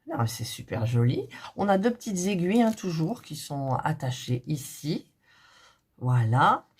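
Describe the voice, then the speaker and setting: A middle-aged woman, hoarse and recovering from a cough, chatting softly and thinking aloud as she unboxes cross-stitch kits. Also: deep voice, sing-song, measured pace. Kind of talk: casual unboxing chat.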